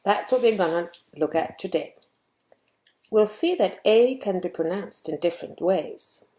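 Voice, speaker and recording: A woman giving a scripted educational explanation, speaking in a clear, measured way and acting out example sentences. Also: medium pitch, animated, dark tone, echoey room. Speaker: linguistics explainer.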